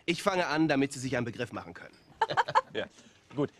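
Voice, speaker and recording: An actor playing a uniformed officer who leads a guessing game at a table, giving playful instructions in a film scene. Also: male voice, medium pitch, very animated, fairly quick, fairly bright tone, a little hiss or hum. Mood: game-leading. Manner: instructing, playful, laughs often. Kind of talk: film dialogue.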